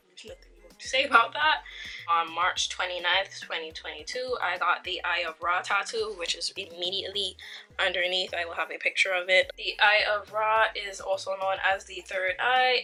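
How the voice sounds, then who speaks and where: A woman's voice: on the low side, bright, forceful tone, poor audio. A young woman chatting casually to her viewers in a vlog, laughing often between stories. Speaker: vlogger. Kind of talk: casual chat.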